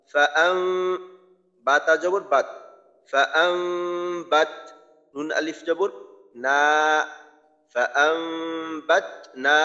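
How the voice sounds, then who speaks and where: A man teaching Quran recitation rules, spelling out letters and vowel marks slowly and deliberately. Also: a little high, sharp tone. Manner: slow, deliberate, drawn-out spelling of sounds. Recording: dull lo-fi sound with long reverb.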